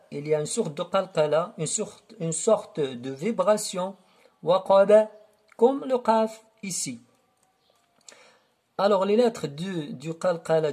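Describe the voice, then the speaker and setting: A man teaching Quran recitation rules step by step, repeating words slowly and drawing out syllables. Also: fairly high pitch, a little mellow, breathy edge. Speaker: tajweed teacher. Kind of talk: slow step-by-step recitation lesson.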